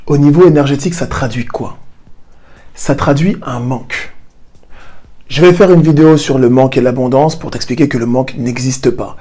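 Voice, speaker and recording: With a slightly high voice and a darkish tone, the host of a personal growth channel speaks straight to the viewer in an explanatory talk to camera, going back over the main points to stress them.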